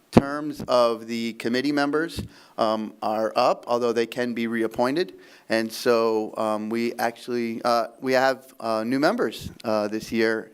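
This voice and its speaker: A man's voice: mid-range voice, clean tone. A man chairing a public committee meeting in an easygoing, lightly joking way.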